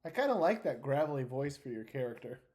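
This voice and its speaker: A man takes part in a tabletop roleplaying game. He talks casually, with a mid-pitched voice, as one of the players. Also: big pitch swings, quick pace, a little mellow.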